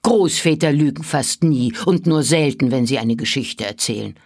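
Brief: old grandfather telling tales, voiced by a woman, low, slow, a bit husky. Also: a little mellow, no echo, clean studio sound. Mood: calm. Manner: slow, measured, lowered voice. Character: patient old grandfather storyteller, easily irritated.

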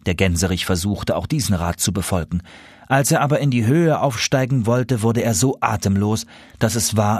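A man reading a children's story aloud as a narrator, expressive and lively. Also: on the low side, slightly rough, no room sound, studio quality.

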